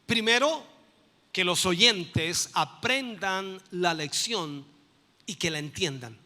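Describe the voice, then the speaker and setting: A man's voice: high voice, slow pace, in a large hall. A man, a bishop and pastor, teaching a sermon with emphatic bursts. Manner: emphatic, rising to loud bursts.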